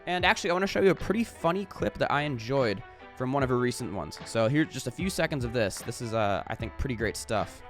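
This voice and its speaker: A man's voice: medium pitch, expressive, fast talker, soft background music. A man talking to camera in a casual vlog, rambling with lots of fillers and casual swearing. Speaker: YouTuber.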